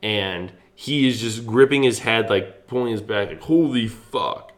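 A young man co-hosting a casual sports podcast, talking in an animated, rambling way and swearing freely. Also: fairly low pitch, moderate pace. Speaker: podcast co-host.

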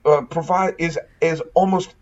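A man's voice: fairly high pitch, fairly even intonation, normal speed, highs cut off. A man from New England with a Northeastern US accent, chatting enthusiastically about films on a podcast with many restarts. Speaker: podcast co-host. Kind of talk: casual film discussion.

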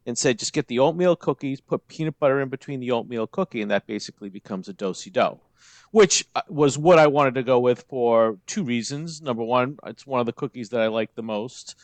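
Man, forties, casual chat, halting with fillers, dry close sound. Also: mid-range voice, no room sound. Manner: halting, full of fillers and restarts. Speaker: co-host.

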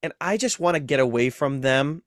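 A man's voice: medium pitch, animated, brisk, fairly bright tone, no room sound, studio quality. A man who is a seminary professor, a guest on a podcast, explaining ideas patiently with everyday comparisons. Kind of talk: explanatory interview talk.

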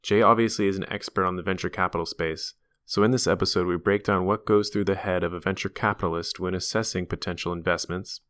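A man hosting a podcast, speaking in an upbeat, energetic way. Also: sits low, fast talker, dry recording. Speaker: podcast host.

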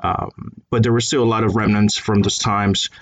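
A man in his thirties from Colombia, talking in a measured interview with many fillers. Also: on the low side, flat delivery, a bit bright, a little hiss or hum. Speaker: guest. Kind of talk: conversational interview.

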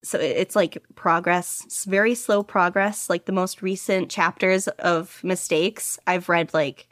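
Her voice is on the low side, recorded at studio quality with no echo. As an interview guest, this podfic narrator chats loosely and self-deprecatingly, with lively energy and quick laughs at herself.

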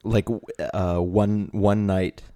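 This comedy podcast co-host has a lowish, warm voice, speaks slowly, and delivers his lines flatly. Still, he rambles through ideas full of fillers and keeps dissolving into giggles during the casual chat, captured as a dry, studio-quality recording.

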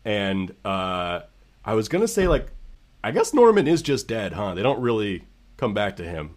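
Man, low voice, podcast co-host, rambling, hesitant, wry. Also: very animated, normal speed. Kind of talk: casual chat.

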